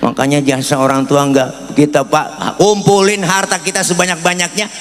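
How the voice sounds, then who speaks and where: Jokey Betawi preacher in echoey hall. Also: male voice, fairly high pitch, little pitch movement, normal speed, slight background noise. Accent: Betawi Malay. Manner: jokey, often asks the crowd for agreement, lapses into sing-song chanting. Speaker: Islamic preacher. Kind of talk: comedic sermon to a congregation.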